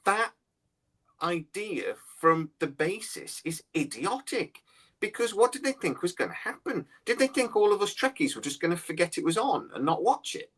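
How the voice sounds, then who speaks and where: A man's voice: sits high, big pitch swings, normal speed, fairly bright tone. A man in his forties, chatting bluntly and scornfully as a podcast co-host, often restarting his sentences. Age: 40s. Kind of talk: casual opinionated chat.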